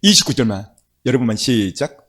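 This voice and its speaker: A man's voice: mid-range voice, sing-song, a little fast, a bit bright. A male pastor preaching a sermon, telling stories with emphatic, rising exclamations.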